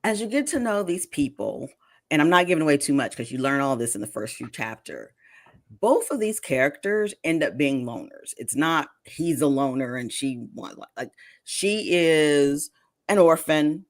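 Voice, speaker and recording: A woman's voice: low voice, big pitch swings, moderate pace, no room sound. A woman author reading from her novel and talking about her writing in a casual interview. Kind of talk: podcast interview and book reading.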